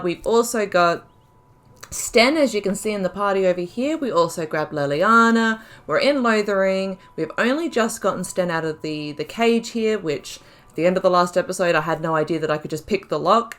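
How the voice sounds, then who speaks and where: A woman with a lowish, slightly bright voice hosts a gameplay playthrough as a gaming YouTuber. Her commentary is casual, chatty and giggly, and she thinks aloud as she plays.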